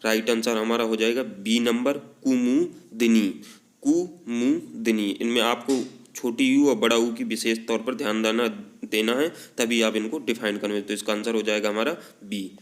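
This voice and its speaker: A man's voice: fairly low pitch, level tone, normal speed, hardly any pauses. A man teaching a Hindi spelling lesson for exam practice. He talks with a north Indian Hindi accent, drags out the example words, and leans on the filler "हमारा" again and again.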